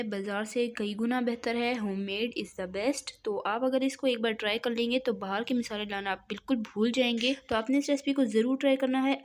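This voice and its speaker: A woman with a Pakistani Urdu accent hosts a home cooking video and narrates each step of a recipe. Her voice sits a little high, and she talks in a friendly, instructive way, giving every measurement twice. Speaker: cooking channel host.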